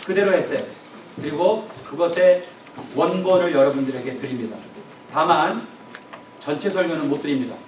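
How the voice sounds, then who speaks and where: A man's voice: a little high, normal speed. A man giving an emphatic, exhorting seminar lecture on preaching, speaking straight to his audience. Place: lecture room. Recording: roomy echo, voice from far off, faint room noise.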